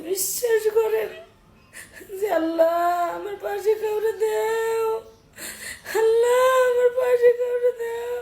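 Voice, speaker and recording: A woman's voice: very high voice, warm tone, roomy sound. A middle-aged woman, crying and pleading as she talks into the camera. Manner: tearful, sobbing while speaking, pleading. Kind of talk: emotional direct-to-camera vlog.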